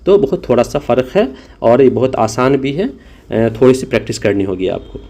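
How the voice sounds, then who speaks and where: A man's voice: medium pitch, expressive, moderate pace, dark tone. A man teaching a language lesson, explaining patiently and demonstrating sounds. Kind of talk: spoken lesson.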